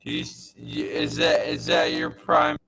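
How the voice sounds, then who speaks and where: A man hosting a live deal review Q&A over a video call, his voice coming through robotic and glitchy as the connection breaks up, halting and restarting. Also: medium pitch, big pitch swings, gravelly, a bit bright. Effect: robotic, glitchy call audio. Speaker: host of a real estate deal review Q&A.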